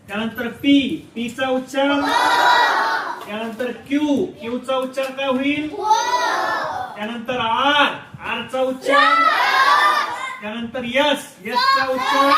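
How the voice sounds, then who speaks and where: A male teacher running a call-and-response lesson, loudly quizzing his class and repeating each point. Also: extremely high pitch. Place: echoey classroom full of pupils. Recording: roomy, distant, loud class noise.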